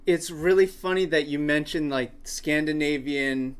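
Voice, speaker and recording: An American man hosting a casual podcast interview. His slightly high voice carries eager, rambling questions that loop back on themselves. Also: unhurried, clean tone. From United States. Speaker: podcast host.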